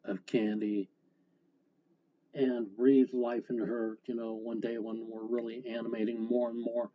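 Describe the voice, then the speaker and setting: With a mellow, mid-range voice, a man who makes comic strips and hosts a podcast chats casually on his own, rambling and correcting himself. Faint guitar plays under dull, lo-fi audio.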